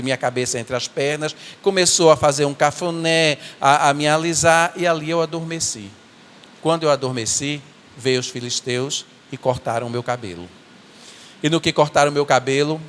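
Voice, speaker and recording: A man's voice: a little high, lightly acted. A man as a remorseful biblical strongman. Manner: earnest, halting storytelling with repeated words. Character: biblical strongman, remorseful, telling his own fall. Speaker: church performer. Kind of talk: first-person dramatic monologue in church. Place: church sanctuary. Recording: echoey church hall.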